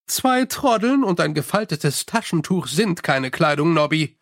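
A man's voice: on the high side, big pitch swings, measured pace, no room sound, clean studio sound. A man reading an audiobook and voicing an embarrassed, flustered middle-aged male sergeant. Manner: flustered, uneasy.

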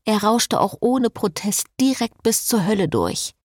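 A woman narrating a novel in an expressive, measured audiobook reading. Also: mid-range voice, no echo, clean studio sound. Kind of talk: scripted narration.

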